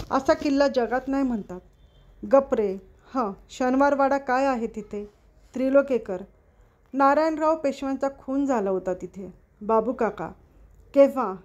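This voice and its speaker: A woman storyteller giving an expressive reading of a humorous story, switching between characters, in a dull lo-fi recording. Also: fairly high pitch.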